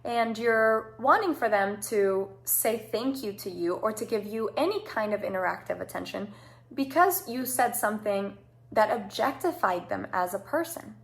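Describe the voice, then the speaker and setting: High-pitched woman giving direct, emphatic advice. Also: gravelly. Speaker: speaker giving social advice. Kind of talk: informal advice talk.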